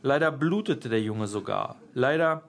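A man's voice: mid-range voice, animated, moderate pace. Wry man reading a comic audiobook. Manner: wry, amused storytelling. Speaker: author reading his own book. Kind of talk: humorous audiobook narration.

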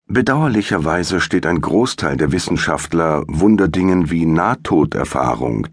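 A man narrates a first-person audiobook in a measured, dramatic way. His voice is extremely low and slightly husky. The recording is dry and close with no room sound. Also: no echo.

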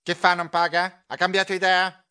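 A slick male mouse delivery salesman, as a narrator puts him on, smooth and confiding as he talks up his goods. His voice is bright and fairly high. It sounds like a children's storybook audiobook. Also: completely flat delivery, moderate pace.

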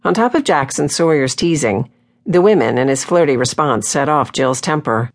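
A woman's voice: low voice, animated, normal speed. Woman narrating a romance audiobook.

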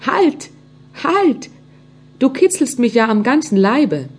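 A woman doing a tiny wooden voice, high and whimpering, plaintive little creature, storybook. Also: animated, takes it slowly, full character voice. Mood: ticklish. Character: tiny pleading voice inside a log of wood.

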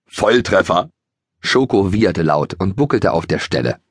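A man reads a children's story in a low, slightly husky voice. His delivery is animated, with a lively pitch melody. The studio sound is dry and close. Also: normal speed, no room sound. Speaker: audiobook narrator. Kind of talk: lively children's audiobook narration.

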